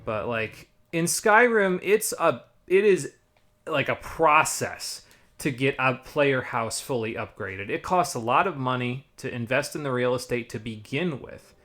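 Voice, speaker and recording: A man's voice: mid-range voice, lively intonation, unhurried, sharp tone. A man giving casual, rambling live commentary on a video game with wry asides.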